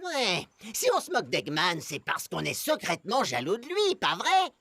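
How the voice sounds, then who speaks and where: A man's voice: sits high, huge pitch swings, moderate pace, creaky, pushed and bright, dry recording, exaggerated voice. A man voicing a vain, scheming cartoon villain posing as a heroic hedgehog, with a pompous, gloating and theatrical delivery. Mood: boastful, insistent. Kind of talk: animated series dubbing.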